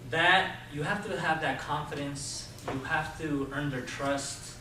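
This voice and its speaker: A distant, noisy recording with heavy room echo carries a man's talk. His voice is a little high, and he presents in an informal, persuasive, explanatory way, addressing his listeners directly like a club speaker. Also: a little slow. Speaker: Toastmasters club speaker giving a sales talk. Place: indoor club meeting room with a live group. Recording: distant mic, very echoey room, clear noise.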